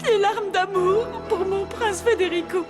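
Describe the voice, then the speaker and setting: A melodramatic young maid pleads tearfully over her lost love. Her voice is extremely high, and music runs clearly beneath the dubbed scene. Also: steady tone, a little slow. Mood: pleading. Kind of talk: French dub of a TV series.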